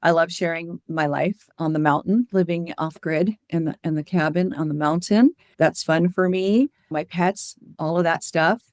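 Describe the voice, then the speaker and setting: A woman's voice: lowish voice, normal speed, few pauses, a little mellow, dry recording. A woman speaking as an interview guest and hospice educator, telling anecdotes and explaining things in a candid, earnest, conversational way.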